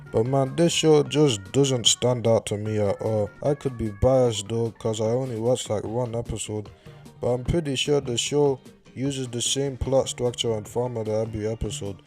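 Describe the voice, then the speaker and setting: A man's voice: mid-range voice, a little mellow. A young man giving casual commentary on a cartoon in a sarcastic tone, with plenty of swearing.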